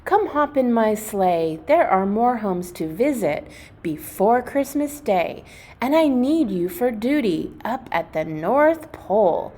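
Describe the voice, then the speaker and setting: Woman reading as kindly, lively Santa Claus. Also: on the high side, slow, heavily acted. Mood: cheerful. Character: jolly old Santa Claus, kindly and appreciative.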